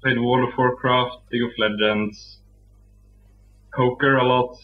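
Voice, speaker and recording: A young man from Sweden with a Swedish accent, a guest answering interview questions in a relaxed, soft-spoken way. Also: unhurried, soft background music. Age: young adult. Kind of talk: casual interview. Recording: muffled low-fidelity audio.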